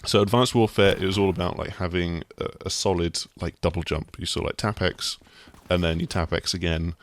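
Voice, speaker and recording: A man explaining a video game in a relaxed, rambling co-host chat, full of fillers and restarts. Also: low voice, brisk, no echo. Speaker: games journalist co-host. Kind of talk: casual gaming discussion.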